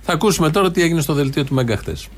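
A man's voice: fairly high pitch, animated. A man co-hosting a satirical show, chatting casually in a sarcastic, mocking way. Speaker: co-host.

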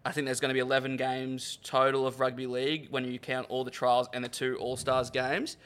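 An Australian man with a bright, forceful voice and a middling pitch. He talks in loud, matey lad banter, like a casual sports podcast. His delivery is blokey, sweary and rambling. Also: flat delivery, a little fast, clear, resonant tone.

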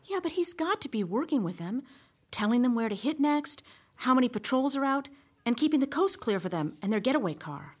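A woman playing an excitable amateur camerawoman in a sitcom radio play, talking in breathless running commentary. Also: a little high, a little fast, slightly rough. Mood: eager. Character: excitable woman filming a stakeout.

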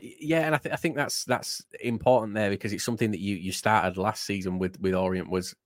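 A man's voice: lowish voice, fairly even intonation, fairly quick, dry recording, clean studio sound. A British man hosting a podcast in casual chat, rambling and often repeating his words as he starts sentences. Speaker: podcast host.

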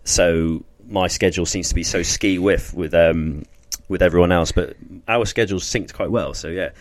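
Deep-voiced man hosting a jokey podcast. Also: moderate pace. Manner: jokey, laughs often, rambling with restarts. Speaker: podcast host. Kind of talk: casual podcast chat.

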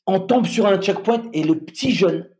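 Higher-voiced man telling a war story. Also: a little mellow. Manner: halting, many restarts and fillers, vivid retelling. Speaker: former soldier telling his experience. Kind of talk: casual storytelling in conversation.

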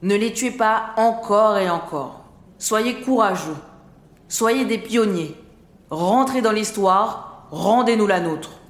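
A woman's voice: mid-range voice, animated, slow. A woman playing an impassioned lawyer making a solemn, oratorical courtroom plea in an echoey room. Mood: solemn pleading. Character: impassioned lawyer pleading for descendants of the enslaved.

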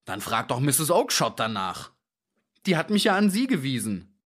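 A hot-tempered market dealer, voiced by a man reading a storybook shouts his threats in a strained, raised voice. His pitch jumps widely and never settles, always on the edge of losing his temper. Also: sing-song, moderate pace, heavily acted. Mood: angry shouting. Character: gruff male market dealer, angry and threatening.

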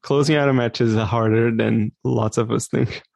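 Gravelly Brazilian-born man chatting tennis. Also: mid-range voice, moderate pace, no room sound. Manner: relaxed, hesitant with many fillers. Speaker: podcast co-host. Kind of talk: casual tennis chat.

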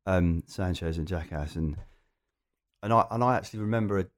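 Low-pitched Essex man, chatty storyteller. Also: a little fast. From Essex, England. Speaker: podcast guest. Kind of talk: casual anecdotal chat.

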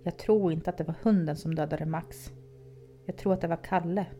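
A woman's voice: on the low side, steady tone, mellow, soft background music, lightly acted. A woman voicing a frightened young boy who speaks in an urgent, confiding way. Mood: upset.

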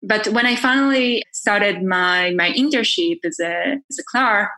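A woman's voice: mid-range voice, measured pace, pushed and bright. A woman, a startup founder answering interview questions in an earnest way, often restarting her sentences. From Israel. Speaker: startup founder and CEO, podcast guest.

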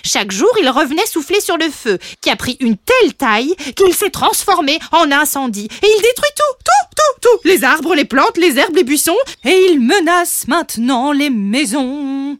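A woman's voice: high voice, sing-song, normal speed, few pauses, a bit bright, no room sound, studio quality, voice pushed up. A woman voicing a chatty, gossipy little male sprite who talks in an eager, hesitant way, in a storybook reading.

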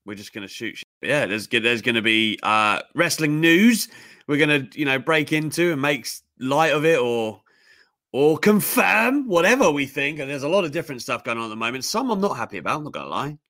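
Male podcast host, animated and teasing, sharp clear tone, slightly higher voice. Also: fairly quick, no echo, studio quality. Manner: lively, teasing. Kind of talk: casual chat.

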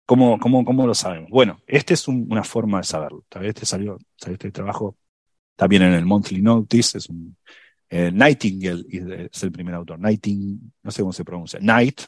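Low-voiced man explaining science, dry sound. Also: a little fast, slightly rough, dry recording. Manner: thinks aloud with many fillers and restarts. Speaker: science podcast panelist. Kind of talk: casual explanatory chat.

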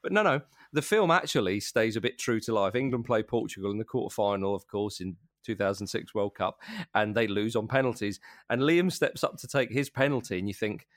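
A man's voice: lowish voice, a little fast, dry recording, studio quality. A man co-hosting a football podcast, telling a story with exasperation in casual chat. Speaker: podcast co-host.

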